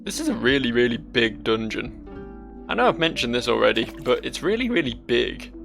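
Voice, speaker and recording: Male gaming host, heavy vocal fry, casual and dryly musing, faint music underneath. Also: mid-range voice, very animated, normal speed, a bit bright. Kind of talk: casual let's play commentary.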